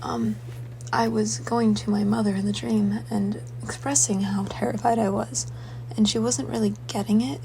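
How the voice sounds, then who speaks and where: Young woman, hazy halting dream recounting. Gravelly fry, breathy, mellow tone, noticeable background hum. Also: mid-range voice, steady tone, low-quality recording. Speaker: dream diarist. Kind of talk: casual personal dream recounting.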